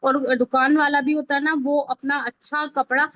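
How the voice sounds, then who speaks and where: With an Indian accent and a high-pitched voice that shows little pitch movement, this woman teaches video editing at a normal speed. Her online tutorial is informal and step-by-step, delivered conversationally with repeated checks on understanding. The recording is dry, and the online class audio sounds dull and lo-fi.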